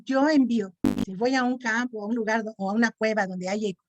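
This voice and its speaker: Woman, middle-aged, lecturer, fairly high pitch, teacherly, checks in often. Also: steady tone, fairly quick. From Mexico. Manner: didactic, checks in with frequent "¿sí?". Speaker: lecturer on self-esteem. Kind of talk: online lecture and Q&A.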